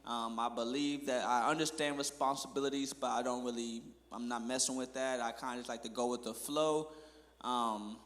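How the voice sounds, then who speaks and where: A man's voice: mid-range voice, normal speed, natural voice. Dude doing a chill party guy, loose n easygoing, mid voice, long reverb. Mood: laid-back. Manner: relaxed, drawling, casual. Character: laid-back easygoing party-guy man.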